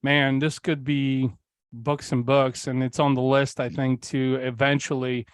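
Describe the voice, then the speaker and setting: Heard without echo, this mid-range, level, unhurried voice is clear and resonant. It belongs to a man in his forties from Bulgaria who rambles candidly through his story on a podcast, using lots of fillers and occasionally swearing in a casual interview.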